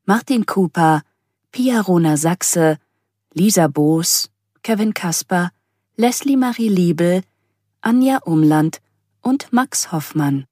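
A woman's voice: lowish voice, lively intonation, slow, dark tone, dry recording, studio quality. A woman reading a scripted audiobook introduction as an announcer.

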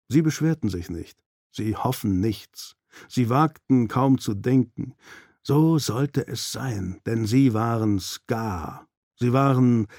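Slow, measured male storyteller. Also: mid-range voice, a little mellow, no echo, clean studio sound. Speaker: audiobook narrator. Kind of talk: scripted narration of a novel.

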